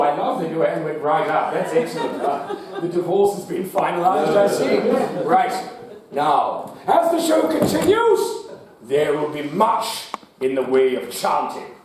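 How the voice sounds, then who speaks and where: An Australian man hosting a live comedy game, teasing the audience in a theatrical, mock-imperious way and bursting into shouted chants. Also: high voice. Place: large hall with a live audience. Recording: echoey hall from a distance, crowd noise. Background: audience laughter.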